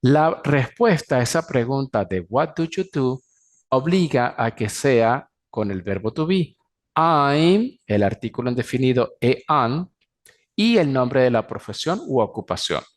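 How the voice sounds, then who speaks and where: Profe venezolano explicando inglés bien despacito, voz de tono medio. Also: male voice, mid-range voice, lively intonation. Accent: Venezuelan Spanish. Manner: slow, explanatory, stretches out English example phrases. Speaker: English teacher. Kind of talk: recorded class lecture.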